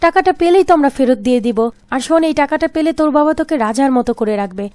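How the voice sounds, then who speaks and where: A woman voicing a brash, scheming young village man who talks in a quick, bossy, teasing way. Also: sits high, lively intonation, a little mellow, no echo. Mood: pushy.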